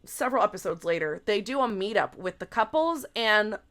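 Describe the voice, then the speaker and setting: Bright-voiced woman dishing gossip. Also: mid-range voice, a little fast. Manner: animated gossipy retelling with lots of "like"; swears casually. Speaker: podcast co-host. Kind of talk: casual chat.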